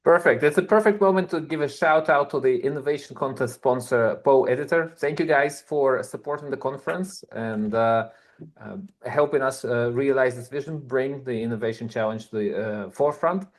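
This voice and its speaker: A man moderating a conference livestream, thanking a sponsor in a brisk, upbeat way. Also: medium pitch.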